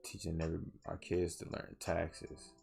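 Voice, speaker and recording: A young podcast host from southwest Georgia, US, speaks in a deep, monotone, darkish voice with vocal fry at a moderate pace. Alone on his podcast, he talks earnestly and rambles with many restarts, sounding tired and yawning.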